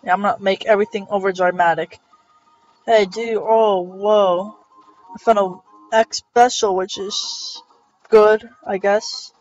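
A woman's voice: mid-range voice, fairly even intonation, unhurried, darkish tone. A young woman casually commenting on her gameplay, rambling, joking and correcting herself. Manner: rambling, self-correcting, jokey. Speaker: let's play host. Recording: dull lo-fi recording with faint music.

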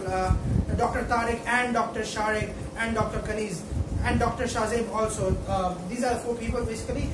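A man in his twenties with a Pakistani accent explains things informally and emphatically to camera, repeating his points. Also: very high voice. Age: 20s. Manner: emphatic, repeats points, often checks with "okay". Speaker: medical student presenting an educational video. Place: indoor room in front of a whiteboard. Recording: echoey room, distant mic, clear background noise.

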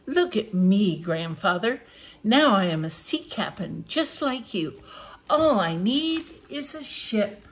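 A woman's voice: medium pitch, big pitch swings, slow pace. A woman doing an eager little boy bear cub. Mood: proud. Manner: eager, wide-eyed questions.

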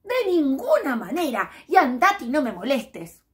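A woman's voice: fairly high pitch, normal speed, lightly acted. A woman with a Rioplatense Spanish accent voicing a vain, boastful male rainbow fish in a storybook tale. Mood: scornful. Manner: boastful, scornful.

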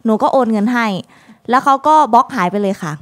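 Young female student with slightly raised pitch. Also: fast talker, a bit bright. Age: young adult. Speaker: university student. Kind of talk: answering on a talk show. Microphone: handheld mic.

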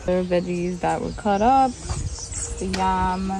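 Woman vlogging outside, kinda low voice, slow and easy, loads of noise behind. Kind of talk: casual vlog narration. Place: outdoors. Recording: loud outdoor noise.

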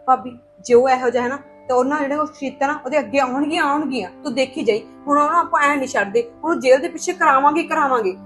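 A woman's voice: high-pitched, rapid-fire, hardly any pauses, fairly bright tone, faint music behind. A woman playing a young unmarried woman, earnest and resolute, in a Punjabi drama. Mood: determined. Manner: earnest, insistent.

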